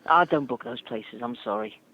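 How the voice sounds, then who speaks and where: An older man working as a travel agent talks on the phone, sounding hesitant and flustered with lots of fillers. His mid-range voice keeps a moderate pace over a muffled, dry phone line.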